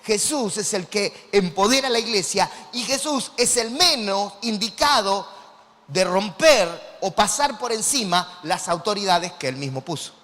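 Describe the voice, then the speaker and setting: A man with an Argentine Spanish accent preaching a sermon as a pastor, animated and quizzing his congregation. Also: sits high, unhurried. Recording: long hall reverb.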